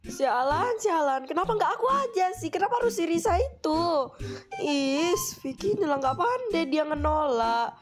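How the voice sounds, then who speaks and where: A woman's voice: extremely high pitch, lively intonation, moderate pace, music in the background. A woman doing Nala, a lovesick, bitter teen girl. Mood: tearful. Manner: tearful, bitter.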